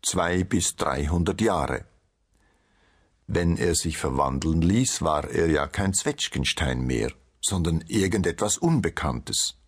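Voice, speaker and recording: A man reading a fairy tale aloud in an expressive, unhurried way. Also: extremely low pitch, breathy edge. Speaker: narrator. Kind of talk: storybook reading.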